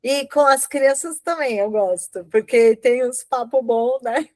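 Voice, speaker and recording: A woman's voice: a little high, a little slow, a little mellow. A woman participant chatting bubbly and giggly on a video call. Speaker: group participant. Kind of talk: casual chat.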